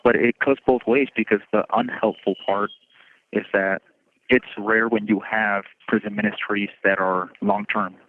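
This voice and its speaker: Low-voiced man on a tinny prison phone line, steady and plainspoken in an interview. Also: moderate pace. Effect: heard over a prison phone line. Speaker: incarcerated student. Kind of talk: interview answers.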